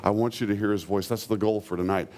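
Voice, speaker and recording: Earnest low-voiced male preacher. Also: fairly even intonation, slight background noise. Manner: earnest preaching, slows and softens when quoting God. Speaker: pastor. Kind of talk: sermon.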